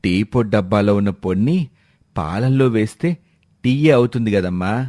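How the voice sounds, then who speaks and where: A man voicing a good-humoured middle-aged father-in-law who speaks gently and teases his wife, in a storybook. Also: lowish voice, a little fast, no echo, studio quality, natural voice. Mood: teasing. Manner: gentle, mildly teasing. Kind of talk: storybook voice acting.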